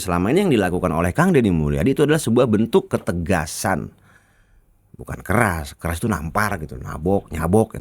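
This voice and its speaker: Male commentator, Sundanese accent, low and lively delivery, casual rebuttal tone. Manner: chatty, colloquial, animated rebuttals. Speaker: political commentator. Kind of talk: commentary vlog rebutting an article.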